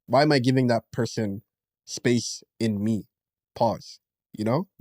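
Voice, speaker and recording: A man's voice: medium pitch, unhurried, darkish tone, dry recording, clean studio sound. Slangy man chatting on a podcast. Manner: slangy, peppers talk with "yo" and "fam". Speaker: podcast co-host. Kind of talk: casual chat.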